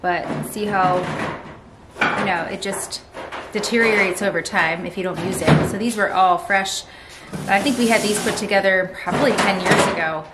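A woman's voice: medium pitch, moderate pace, over loud music. A woman in her thirties chatting casually as she explains how to clean old beehive frames while working in a large barn. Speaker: homesteading vlogger. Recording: loud background noise.

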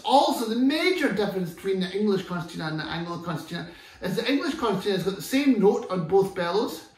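Speaking quickly and very animatedly in a high-pitched voice, this Scotsman in his fifties teaches the concertina from his living room sofa. His relaxed, chatty explanation keeps starting over mid-sentence, and the distant mic catches a lot of room echo.

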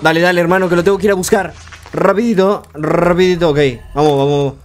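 A young man giving frantic live commentary on a horror game, urging himself on with rapid repeated words and joking with the game's characters. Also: high voice, steady tone, slight background noise. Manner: jokey, talks to the game's characters. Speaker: gaming streamer.

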